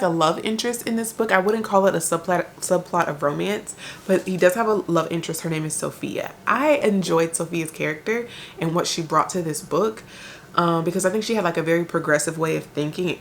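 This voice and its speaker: A woman's voice: lowish voice, fairly quick, a little hiss or hum. A young adult woman reviewing books in a chatty vlog, rambling and correcting herself as she thinks aloud. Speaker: book vlogger.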